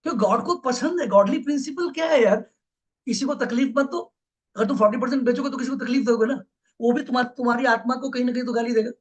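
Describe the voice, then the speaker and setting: A man's voice: extremely high pitch, quick pace, muffled recording. A man with an Indian accent giving a motivational business talk, emphatic and repetitive, often dropping into English phrases. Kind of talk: motivational speech.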